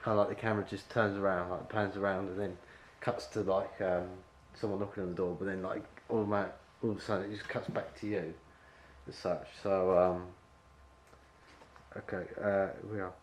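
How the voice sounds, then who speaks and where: Rambling low-voiced man directing an actor. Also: little pitch movement, normal speed, slight background noise. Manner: rambling, heavy on fillers like "like". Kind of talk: coaching an actor at an audition. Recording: echoey room with faint ambience.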